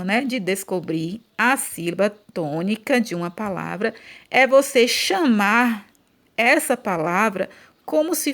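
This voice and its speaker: Her voice sitting on the high side, a Brazilian Portuguese-accented woman gives kids a patient grammar lesson, stretching syllables whenever she chants the sample words.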